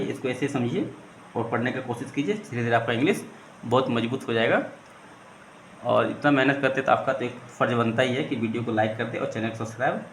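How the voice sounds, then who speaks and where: A man teaching English, reading a story line by line and explaining each phrase in Hindi. He keeps repeating "ठीक है" and asks questions that he answers himself. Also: mid-range voice. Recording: roomy echo, faint ambient noise.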